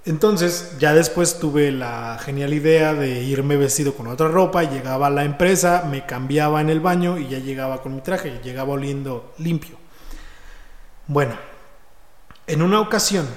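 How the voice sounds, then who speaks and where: A man with a Mexico City accent tells a story in loose, street-slang talk, full of swearing, repeated words and restarts. His voice sits a little high for a man. The room echoes, with a long reverb tail. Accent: Mexico City Spanish. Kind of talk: casual personal anecdote.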